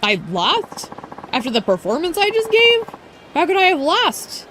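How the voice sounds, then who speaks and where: A woman's voice: very high voice, big pitch swings, unhurried, music in the background, voice pushed up, full character voice. A woman voicing a bratty, arrogant young female rival idol who talks in a haughty, taunting, boastful way. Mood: indignant.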